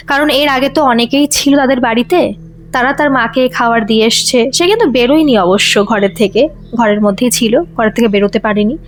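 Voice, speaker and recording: A woman tells a ghost story in an easy, conversational way, often circling back to restate her point. Her voice is high, with faint ambient hiss behind it. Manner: conversational, repetitive retelling.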